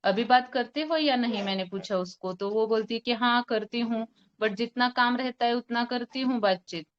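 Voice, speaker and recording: Young woman doctor, smooth and fairly high voice, slightly muffled lo-fi audio, retelling a consultation for colleagues. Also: normal speed. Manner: retells a patient consultation, quoting both sides, with hesitant fillers. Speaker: homeopathic doctor. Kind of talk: case presentation to a forum.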